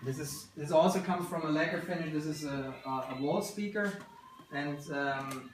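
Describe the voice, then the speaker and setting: A man in his thirties with a German accent leads an informal tour of his company's workshop as its founder, his voice on the high side and his pace moderate. He often pauses to look for words as he explains his work. Recorded indoors in a small workshop on a handheld camera a couple of metres away, the video is roomy, with clicks and background noise.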